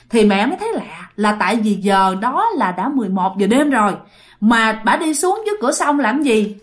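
A woman with a Southern Vietnamese accent telling a ghost story in an animated way, speaking straight to her listeners. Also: high voice.

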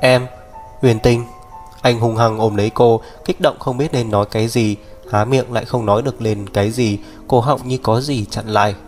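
Một người đàn ông đọc truyện audio, giọng đều đặn, kể chuyện theo kịch bản. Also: male voice, fairly low pitch, steady tone, a little fast. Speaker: audiobook narrator. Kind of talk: scripted narration. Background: faint music.

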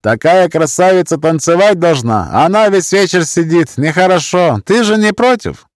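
A man's voice: sits high, wildly swooping pitch, measured pace, no room sound, clean studio sound, voice pushed up, exaggerated voice. A man voicing a brash, drunk older man who wheedles and insists. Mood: pushy.

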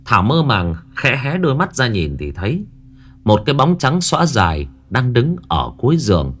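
A man's voice: medium pitch, huge pitch swings, normal speed. A man narrating a ghost story in a dramatic, suspenseful way. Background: faint music.

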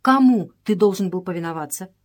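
A woman's voice: medium pitch, animated, brisk, close to an everyday voice. A woman voicing an impulsive, grieving young Englishman who speaks in urgent exclamations in a read-aloud story. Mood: intent.

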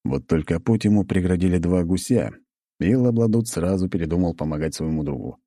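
A man narrating a first-person audiobook in an even, measured way. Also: sits low, no echo, studio quality.

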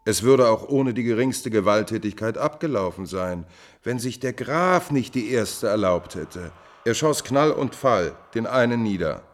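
Playing a calculating court adviser in a classical German radio drama, the actor uses a fairly low, expressive male voice. He's measured, formal and insolently insinuating, wrapped in cool self-justification.

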